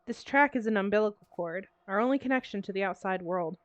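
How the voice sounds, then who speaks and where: A woman's voice: mid-range voice, fast, no room sound, muffled recording, lightly acted. A woman reading an eerie solemn six-year-old. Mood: ominous. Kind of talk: reading game dialogue aloud.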